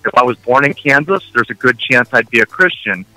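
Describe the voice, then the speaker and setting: American male guest, very bright tone, dry close sound, argues steadily, asks rhetorical questions. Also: medium pitch, lively intonation, dry recording, rough recording. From United States. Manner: measured, argumentative, rhetorical questions. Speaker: interview guest. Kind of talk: radio interview.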